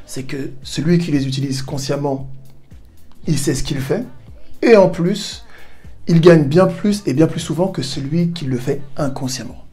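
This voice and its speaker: Talking to the camera from home in southern Spain, a man coaches viewers in a self-help video. His voice is fairly high and dark, and his style is casual and direct with playful asides.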